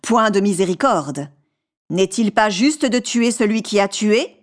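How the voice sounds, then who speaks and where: A woman's voice: mid-range voice, animated, measured pace, lightly acted. Woman reading as a giant old genie, stern, relentless, merciless, storybook.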